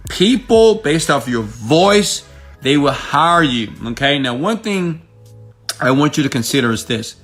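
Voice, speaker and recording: A man whose voice sits on the high side speaks unhurriedly, with lively intonation and a fairly bright tone, faint music in the background. As an online money-making coach, he gives viewers an emphatic motivational tutorial pitch, checking in with rhetorical questions, all recorded on an iPhone microphone.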